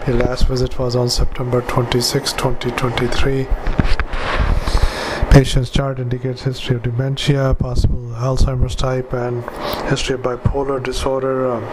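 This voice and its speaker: Man dictating notes into a dictaphone, monotone. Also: medium pitch, heavy background noise. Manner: halting, with many filler sounds and restarts. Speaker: clinician dictating a patient report. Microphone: handheld dictaphone.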